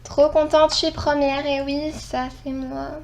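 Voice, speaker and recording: High-voiced, excitable woman gamer. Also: a little slow, vocal fry. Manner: chatty and excitable, rambling with self-corrections. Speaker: gaming channel host. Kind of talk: casual gameplay commentary.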